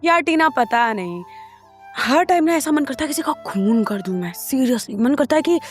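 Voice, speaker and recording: A woman's voice: sits high, animated, normal speed, soft background music. A woman voicing a short-tempered young female office boss who snaps bluntly and repeats herself when angry. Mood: irritated, ranting.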